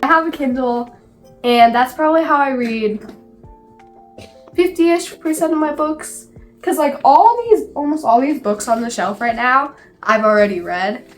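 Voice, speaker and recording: A woman's voice: high voice, a little slow, soft background music. A woman with a cold and a stuffed-up nose, chatting casually about books on her vlog in her small home library, filling her talk with "like". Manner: chatty, lots of "like" fillers. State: sick and stuffed up. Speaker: book vlogger.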